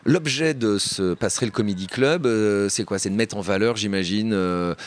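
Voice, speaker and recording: A radio host with a lowish voice speaks at a moderate pace, live from a neighbourhood fête on a studio mic set up outdoors. He hosts the community radio show in a chatty, rambling way, full of fillers.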